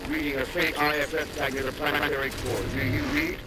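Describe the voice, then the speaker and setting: A man's voice: a little high, little pitch movement, fairly quick. A man voicing a starship radio operator whose transmission keeps breaking up, speaking in terse military radio talk. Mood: urgent. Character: male starship radio operator, urgent and clipped. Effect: broken-up radio transmission. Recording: noisy distant radio line.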